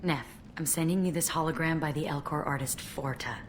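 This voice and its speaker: An actress voices an alluring lover in a video game. Her low female voice is tender and intimate, heard on a noisy message playback. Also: a little fast, close to an everyday voice. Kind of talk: game voice acting, recorded message.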